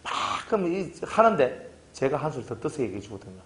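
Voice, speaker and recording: A pastor giving a casual sermon, telling stories and acting out both sides of conversations. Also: male voice, mid-range voice, a little fast. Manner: lively storytelling preacher, acts out dialogue.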